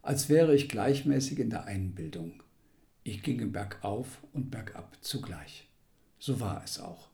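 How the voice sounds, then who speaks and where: Brief: man reading a dying official's anguished inner voice, low and pleading. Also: mellow. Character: despairing dying middle-aged male official.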